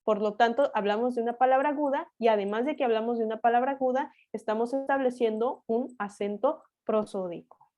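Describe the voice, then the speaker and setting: Higher-pitched woman tutor explaining grammar. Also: brisk, warm tone. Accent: Mexican Spanish. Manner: explanatory, self-correcting, rhetorical questions. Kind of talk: exam-prep grammar lesson.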